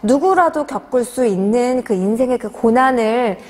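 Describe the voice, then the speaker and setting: A woman's voice: on the high side, expressive, moderate pace, darkish tone, in a large hall. A woman in her forties, an author answering interview questions in an earnest, hesitant way with many fillers. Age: 40s.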